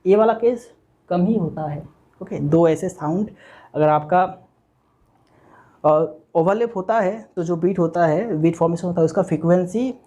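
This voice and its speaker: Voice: mid-range voice, moderate pace, warm tone, muffled recording. A teacher giving a recorded online physics lecture, explaining step by step, repeating key points and checking in often with "okay". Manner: repeats points and mixes in English technical terms.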